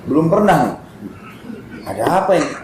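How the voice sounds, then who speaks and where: A man's voice: a little high, big pitch swings, a little fast, heavy background noise. A male preacher giving a sermon in a mosque, telling a story vividly and acting out the quotes. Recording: echoey mosque hall with faint ambience.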